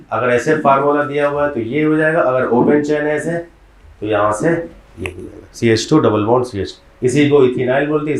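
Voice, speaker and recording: A male chemistry teacher giving a classroom lecture, explaining step by step and often putting quick questions to his students. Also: mid-range voice, reverberant.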